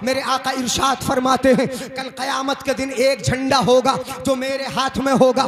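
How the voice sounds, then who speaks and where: A male preacher giving a sing-song devotional sermon, often rising to shouts and quizzing his audience with questions. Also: very high-pitched, flat delivery, moderate pace. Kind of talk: devotional sermon with crowd call-and-response. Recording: live gathering with loud crowd behind.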